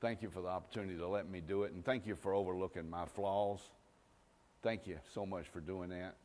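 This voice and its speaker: A male pastor delivering a sermon, repeating phrases and swinging between hushed and loud, sometimes joking with the congregation. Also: low-pitched, steady tone, a little fast. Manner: jokes with the congregation. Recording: long hall reverb.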